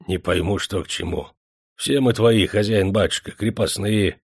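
A man's voice: on the low side, moderate pace, creaky, husky, no echo, studio quality. A man voicing an old male serf who works at a furnace and speaks in a cautious, dignified way, full of proverbs.

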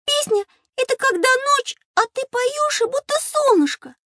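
High, dreamy little lion cub. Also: female voice, animated, normal speed, pushed and bright, dry recording, clean studio sound, full character voice. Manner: high, singsong, childlike. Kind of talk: audio drama acting.

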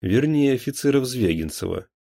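A man's voice: medium pitch, animated, moderate pace, vocal fry, warm tone, voice pushed up. A man reading an audiobook voices a curt, commanding male minister, a general who scolds his officers. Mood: stern, scornful.

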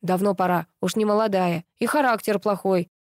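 A woman reading an audiobook, voicing a grumpy, sharp-tongued female housekeeper with a creaky, blunt, scolding manner. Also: medium pitch, fairly even intonation, moderate pace, no room sound, clean studio sound, natural voice.

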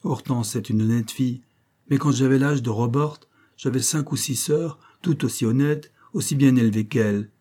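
A man's voice: medium pitch, normal speed, warm tone, pitched above the performer's own voice, close to an everyday voice. A man voicing a bluff, jovial middle-aged father with a teasing manner.

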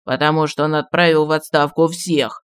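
Мужчина-чтец аудиокниги озвучивает старого маршала в отставке, неторопливого и ворчливого, который вспоминает былое. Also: male voice, clean tone, no room sound, lightly acted. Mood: confiding. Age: older. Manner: slow, low, grumbling reminiscence. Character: old retired marshal, gruff, nostalgic, secretive.

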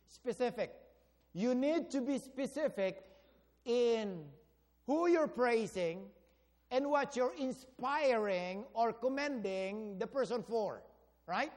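Guy preaching, really high voice, keeps asking the crowd questions, echoey church hall. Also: expressive, takes it slowly. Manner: conversational preaching with rhetorical questions. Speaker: pastor. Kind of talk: sermon. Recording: long hall reverb.

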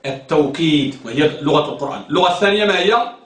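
A man's voice: fairly high pitch, lively intonation, racing, a bit bright. A man teaching a grammar class, quizzing students and repeating their answers, recorded in a classroom. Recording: echoey room, distant mic.

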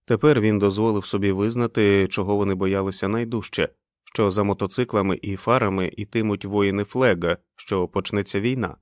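A man reading a novel aloud as audiobook narration, with expressive storytelling. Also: fairly low pitch, brisk, no echo, studio quality.

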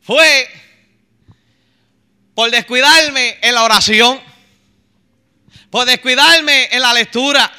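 Fervent high-voiced male preacher. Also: slow, long pauses, sharp tone, clear, resonant tone. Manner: fervent, emotional, pleading. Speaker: preacher giving testimony. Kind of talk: sermon testimony.

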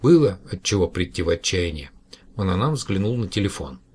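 A man narrating an audiobook in a calm, even storytelling manner, with a husky voice. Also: low voice, brisk.

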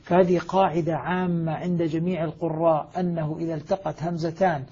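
A man's voice: on the high side, level tone, a little fast, dark tone, breathy edge. A middle-aged man, a scholar explaining recitation rules, stressing quoted words emphatically. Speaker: Quranic recitation scholar teaching. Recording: muffled lo-fi audio.

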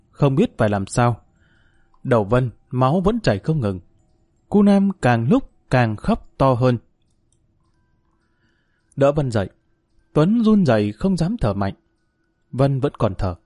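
Male audiobook narrator, mid pitch, steady measured read, dry close mic. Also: no room sound. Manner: hesitant fillers when speaking to listeners.

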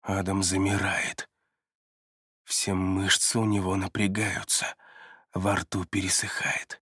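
A man steadily narrating a thriller audiobook in a measured storytelling manner. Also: deep voice, completely flat delivery, sharp tone, breathy edge, dry recording. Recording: dry close studio read.

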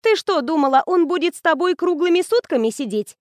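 A woman reading the lines of a lively young woman student who teases her friend in an audiobook. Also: very high-pitched, a little fast, no echo, pitched above the performer's own voice. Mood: teasing. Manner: bubbly, teasing, animated.

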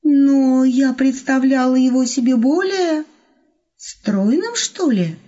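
A woman's voice: high voice, slow pace, mellow, dull audio, pitched above the performer's own voice. A woman doing a tearful, pleading young damsel. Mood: hesitant.

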